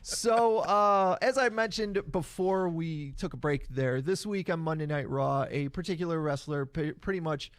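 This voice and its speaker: A man's voice: on the high side, moderate pace, few pauses, smooth, no echo, clean studio sound. A man hosting a casual podcast chat, talking animatedly and laughing often. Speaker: radio podcast host.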